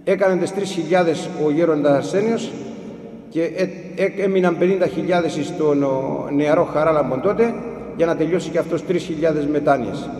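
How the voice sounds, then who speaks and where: A monk telling stories of monastic elders in an unhurried, halting way with frequent restarts. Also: male voice, on the high side, a little mellow. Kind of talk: storytelling talk about monastic elders. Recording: echoey hall with long reverb.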